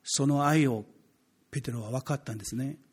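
A man's voice: medium pitch, brisk, husky. A man preaching a conversational sermon as a pastor. He asks the congregation questions and acts out the quoted speech of the people in his story.

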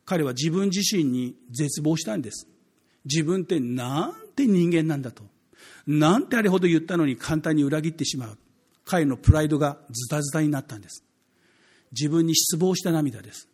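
A man's voice: fairly high pitch, expressive, a little fast, darkish tone, breathy edge. A man preaching a conversational sermon as a pastor. He asks the congregation questions and acts out the quoted speech of the people in his story.

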